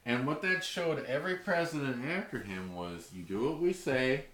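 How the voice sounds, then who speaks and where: A man's voice: mid-range voice, expressive, normal speed, crowd noise. A man in a casual political argument, ranting in a profane, opinionated way. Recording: echoey room, noisy background, clicks.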